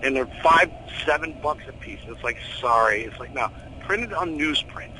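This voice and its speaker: A middle-aged American man chatting casually in an interview, animated, opinionated and full of slang. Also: mid-range voice, moderate pace, slight background noise, poor audio. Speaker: horror host being interviewed.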